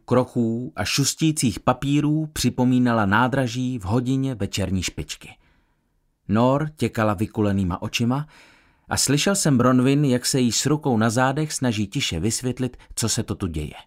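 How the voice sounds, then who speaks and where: A man reading a novel aloud as an expressive first-person audiobook narrator. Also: medium pitch. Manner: expressive storytelling.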